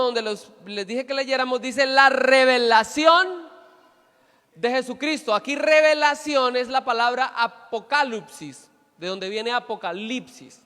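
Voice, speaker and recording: A pastor delivers a sermon in a very high voice. He questions his listeners and answers them, and he hammers his points home with emphatic repetition. His voice carries a long reverb through a hall. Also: a bit bright.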